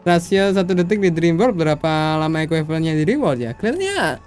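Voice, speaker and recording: Higher-voiced Indonesian man streaming. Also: sing-song, quick pace, a little mellow, soft background music. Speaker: streamer playing a game. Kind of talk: casual game livestream commentary.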